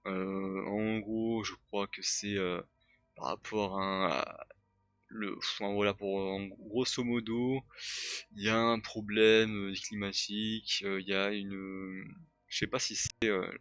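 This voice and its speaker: A man's voice: fairly low pitch, flat delivery, slow, fairly bright tone, no room sound. A young man giving casual, hesitant film reviews, with many fillers and restarts. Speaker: YouTuber reviewing films.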